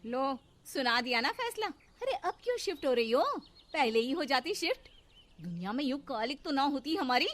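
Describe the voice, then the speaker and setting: A woman's voice: fairly high pitch, expressive, normal speed. A woman voicing a bitter middle-aged stepmother who taunts and complains in a cartoon story. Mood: taunting.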